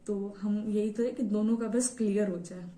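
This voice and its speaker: A woman's voice: mid-range voice, steady tone, normal speed, mellow, recorded from a distance. A young woman telling her own story to camera in a casual, eager way, with many fillers. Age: young adult. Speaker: vlogger sharing her exam story. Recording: roomy echo, set back from the mic.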